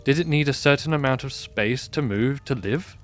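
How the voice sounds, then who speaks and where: A man with a medium-pitched voice narrates a scripted fantasy audio drama in a measured, expressive storybook style, with music playing in the background.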